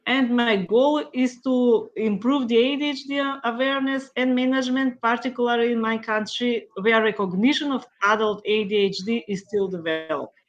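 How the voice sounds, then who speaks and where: Higher-voiced woman on dull call audio. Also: normal speed, hardly any pauses. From North Macedonia. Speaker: panelist, psychiatrist. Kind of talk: online panel introduction. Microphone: video call.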